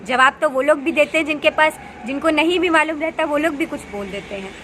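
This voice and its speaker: Woman, 30s, earnest and unhurried, high pitch; recorded with noticeable background noise. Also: fairly bright tone. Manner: earnest, unhurried, with many pauses and fillers. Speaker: meditation practitioner. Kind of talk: casual spoken advice.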